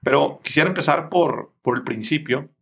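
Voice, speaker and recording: A man's voice: a little high, normal speed, creaky, fairly bright tone. A man hosting a podcast, asking questions with frequent restarts and repeated words. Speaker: podcast host. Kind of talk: interview questions.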